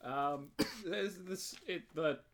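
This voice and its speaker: Soft-spoken chat guest with a faint hiss. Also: medium pitch, slow pace. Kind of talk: casual chat.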